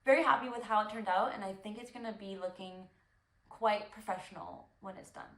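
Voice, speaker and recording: A woman's voice: mid-range voice, a little fast, fairly bright tone, reverberant. A young woman hosting a knitting podcast, chatting casually and rambling with fillers and restarts. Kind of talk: casual chat.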